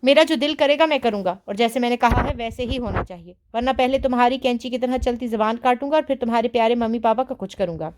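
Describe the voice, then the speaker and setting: A woman putting on a rude young man, pushed down from her own fairly high voice into a cold, hard register. He threatens and sneers in measured, clipped lines. This is an audiobook character voice. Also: slight background noise, natural voice. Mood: sneering. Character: rude, menacing young man, vengeful kidnapper.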